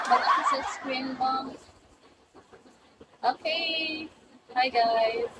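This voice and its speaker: Young woman, high voice, slow and giggly, casual live-stream chat, faint room noise. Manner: giggly, mixes English and Filipino. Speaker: livestream host.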